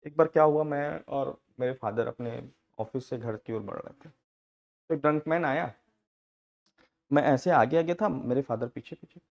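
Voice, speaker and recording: A man teaching accounting software in a casual class, telling stories with frequent laughs and acting out the people in them. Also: mid-range voice, moderate pace, gravelly, muffled recording. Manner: chatty storytelling, laughing often, acting out quoted people.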